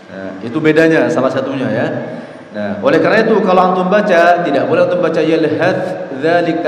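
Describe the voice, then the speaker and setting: A man teaching Quran recitation to a mosque congregation, quizzing them and chanting example verses slowly. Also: fairly high pitch, a little hiss or hum. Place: mosque hall. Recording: echoey hall, faint ambience.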